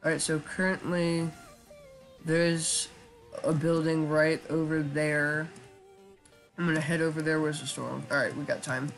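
A man giving casual live commentary while he plays a shooter game, talking in a flat, chatty way with lots of ums. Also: fairly high pitch, measured pace, vocal fry, pauses often, faint music behind. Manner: self-described monotone, chatty, with frequent ums. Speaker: gaming YouTuber.

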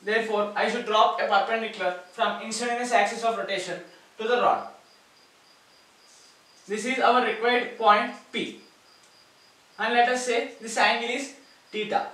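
A man's voice: sits high, steady tone, moderate pace, long pauses, pushed and bright. A man with an Indian English accent teaching maths at a board, explaining step by step and repeating key words. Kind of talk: whiteboard lecture. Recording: echoey room, far from mic.

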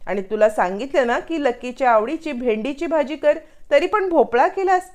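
A woman reading out the lines of a bossy, sharp-tongued mother-in-law who scolds in rustic speech. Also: sits high, expressive, moderate pace, voice pushed up. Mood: scolding.

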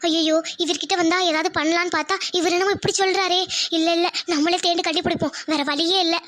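A woman doing a shrill, anxious young village wife. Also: steady tone, fast, fairly bright tone, no room sound, clean studio sound. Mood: fretful. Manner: pleading, fretful.

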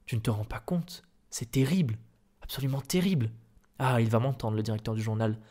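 A man playing an outraged painter who protests and pleads, in a soft-spoken ASMR reading. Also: medium pitch, animated, brisk, lightly acted. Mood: indignant. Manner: exasperated, protesting. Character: indignant middle-aged male painter, outraged and desperate.

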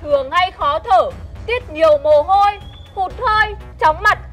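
A woman's voice: extremely high pitch, unhurried, a bit bright, faint music behind. A woman acting a firm young doctor who scolds a cruel wife, in a web skit drama. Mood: reproachful. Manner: firm, reproachful. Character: stern young female doctor. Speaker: actor.

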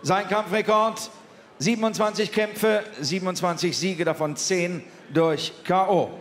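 Casting: male boxing ring announcer, high projected voice, formal and drawn-out delivery, echoey arena PA. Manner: booming, ceremonious, projecting to the arena. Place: large indoor boxing arena. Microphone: announcer microphone over arena PA. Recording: echoey arena PA with loud crowd noise.

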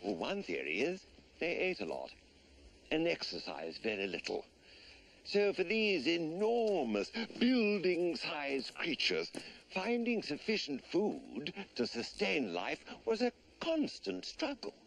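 A man's voice: on the high side, huge pitch swings, takes it slowly, a bit bright, full character voice. A man narrating a mock nature documentary in a pompous, portentous manner.

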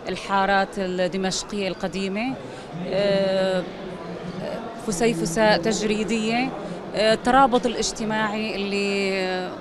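Hesitant woman at an art fair. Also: medium pitch. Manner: hesitant, many fillers and restarts. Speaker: visual artist. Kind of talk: interview about her painting. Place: busy indoor exhibition hall. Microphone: handheld interviewer mic.

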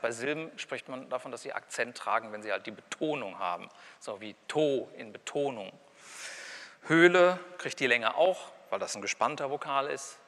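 Male lecturer, bright clear voice, conversational, wry asides, pronounces examples aloud, long hall reverb. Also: mid-range voice. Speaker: university lecturer. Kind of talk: university lecture.

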